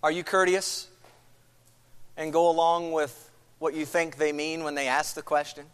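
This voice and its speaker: A man's voice: a little high, level tone, moderate pace, smooth. Guy preaching a sermon, chatty, keeps asking the room questions, big echoey church. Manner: conversational, poses questions to the congregation. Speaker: pastor. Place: church sanctuary. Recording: long reverb in a large hall.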